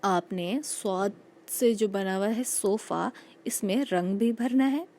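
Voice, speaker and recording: A woman teacher giving a patient recorded phonics lesson to young children, repeating each sound slowly and checking in with them often. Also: medium pitch, a little mellow. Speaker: school teacher.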